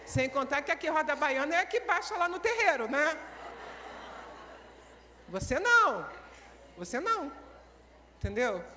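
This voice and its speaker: Carioca lady pastor preaching, high voice, acts stuff out, long church hall echo. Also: moderate pace, long pauses, slight background noise. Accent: Carioca Brazilian Portuguese. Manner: animated, acts out scenes with the congregation. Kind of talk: sermon.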